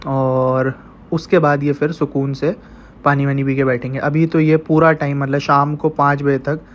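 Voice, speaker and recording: A man's voice: medium pitch, highs cut off, a little hiss or hum. A man with a stuffy, congested voice narrates a casual vlog while feeding his goats and chickens, coaxing the animals as he goes. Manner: chatty, coaxing the animals directly. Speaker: vlogger raising goats and chickens at home.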